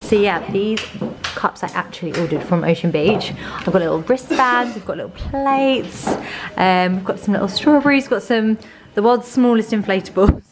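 A British woman in her twenties chatting casually and excitably to a handheld vlog camera at a hen party. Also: medium pitch, moderate pace. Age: 20s. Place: busy bars and a house kitchen. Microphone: handheld camera at arm's length. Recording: loud music and party crowd behind.

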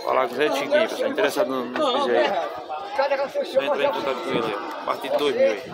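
A man's voice: very high-pitched, big pitch swings, fast, creaky. A man filming a cattle fair, asking sellers their prices and repeating them for viewers. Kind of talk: walkabout video commentary. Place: outdoor cattle pens at a livestock fair. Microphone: handheld camera mic. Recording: loud fair crowd behind. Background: busy fair crowd chatter.

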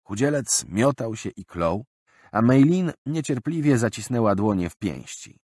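Man narrator, children's audiobook, low voice, lively delivery, dry studio sound. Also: no room sound. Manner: animated, expressive reading.

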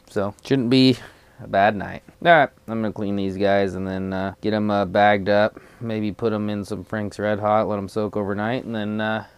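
A young man with a fairly low voice talks casually as if to a camera on a fishing trip. His delivery is laid-back and unhurried, conversational and lightly peppered with mild profanity. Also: smooth, no room sound. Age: young adult. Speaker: ice fishing vlogger. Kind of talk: casual vlog chat. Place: small ice fishing shelter and outdoors on a frozen lake at night.

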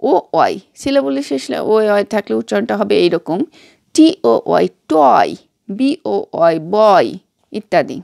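A woman with a strongly gravelly, fry-heavy voice teaches pronunciation. She spells each word letter by letter and then pronounces it. The recording is dry and close. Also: medium pitch, animated, normal speed, mellow, no echo. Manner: spells words letter by letter then says them. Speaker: channel host and English teacher. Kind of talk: slow spelled-out pronunciation lesson.

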